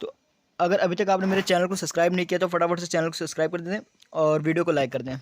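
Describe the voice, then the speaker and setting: High-voiced man explaining exam rules. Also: flat delivery, fast, a little hiss or hum. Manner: repeats key points as questions and answers; frequent fillers. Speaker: exam coaching YouTuber. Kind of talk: explaining exam details to students.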